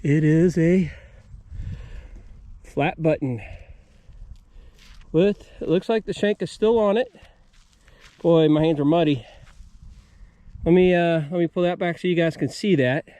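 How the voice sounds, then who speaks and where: A man with a high voice and an American accent narrates casually to his viewers outdoors. His manner is folksy, and he explains each step as he goes, like a hobbyist host showing finds. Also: unhurried, long pauses, dark tone, dry recording. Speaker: metal detecting video host. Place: outdoors at an old homesite.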